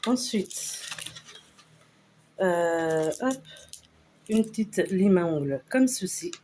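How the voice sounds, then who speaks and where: Woman doing a haul vlog, slow and umm-y, lowish voice. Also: lively intonation, warm tone, slight background noise. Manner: unhurried, hesitant with many fillers. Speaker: vlogger showing a store haul. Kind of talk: casual haul video chat.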